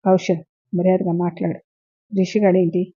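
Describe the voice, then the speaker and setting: A woman voicing a hurt, withdrawn young wife who answers quietly and tiredly, in a dull lo-fi recording. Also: lowish voice, little pitch movement, normal speed, breathy edge, no echo. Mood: angry.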